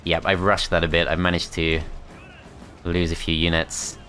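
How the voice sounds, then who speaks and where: A man's voice: low-pitched, level tone, normal speed, pushed and bright, faint music behind. A man commentating his strategy game as he plays, thinking aloud in a tentative, self-critical way. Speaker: gameplay commentator.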